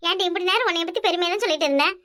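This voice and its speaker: A woman with a Kanyakumari Tamil accent voicing village women in a family cartoon, with quick, bickering chatter. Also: very high-pitched, bright, forceful tone. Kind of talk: animated village cartoon dialogue.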